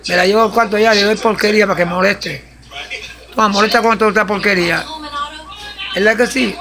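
Older grandpa at home blessing the baby, kinda high, rough and creaky, music on. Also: male voice, fairly even intonation, brisk. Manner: preachy, mixes Spanish and English. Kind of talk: casual home video talk.

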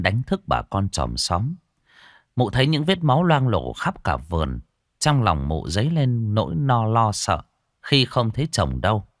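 A man's voice: on the low side, no echo, clean studio sound. A man narrating a ghost story in a vivid, dramatic way.

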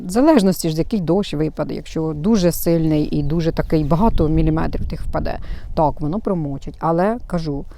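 A woman's voice: low-pitched, fast, warm tone, slight background noise. A woman hosting a gardening channel, explaining things in a chatty, hesitant way with lots of fillers, outdoors in her flower bed while filming herself. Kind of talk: casual gardening how-to. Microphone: self-filmed camera.

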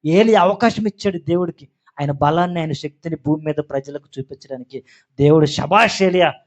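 A man preaching a sermon, telling a story in a lively, playful way and acting out the quotes. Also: fairly high pitch, fairly quick, dull audio.

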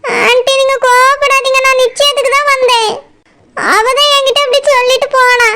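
A voice actor playing a frightened young woman who pleads she is innocent, with a Tirunelveli Tamil accent, in a high cartoon voice. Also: little pitch movement, moderate pace, pushed and bright, slight background noise, exaggerated voice. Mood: pleading. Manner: scared, pleading and hesitant. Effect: high sped-up cartoon voice.

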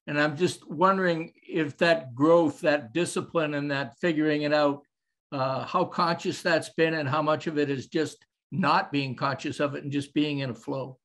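A man's voice: fairly high pitch, fairly even intonation, moderate pace, fairly bright tone. A male sports reporter asking a long, detailed question at a press conference.

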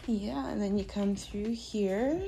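A woman's voice: medium pitch, slow, vocal fry, warm tone, soft background music. A young woman giving a casual, rambling house tour, filming on a handheld phone indoors. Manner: rambling, filler-heavy, coos to her dog. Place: small new house, indoors. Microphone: handheld phone camera.

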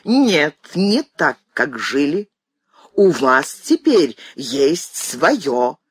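Lady reader doing a bossy old mother from an audiobook, high and indignant, husky, dry close sound. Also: sing-song, drawn-out words, no room sound, heavily acted. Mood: reproachful. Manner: indignant, demanding, exclaiming. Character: imperious older noblewoman mother, domineering, easily offended.

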